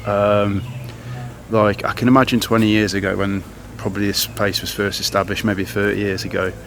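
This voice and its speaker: A young man speaks on the low side, flat and at a moderate pace, as he chats informally into a handheld camera for his travel vlog, wandering off with lots of fillers. He films outdoors in towns and along the road, with noise in the camera's audio.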